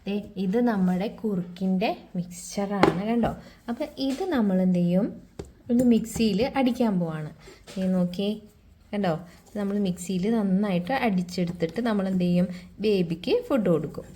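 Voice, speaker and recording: A woman's voice: medium pitch, moderate pace, warm tone. Woman, casual pretend-play vlog, chatty host, keeps quizzing viewers, coaxing tone. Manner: chatty, asks viewers rhetorical questions. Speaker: vlogger.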